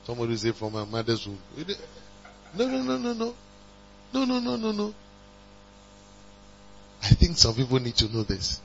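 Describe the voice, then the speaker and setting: A man preaching a sermon, calling on the congregation to respond and building to emphatic high passages. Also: huge pitch swings, normal speed, gravelly, long pauses. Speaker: pastor. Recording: dull lo-fi recording with mains hum.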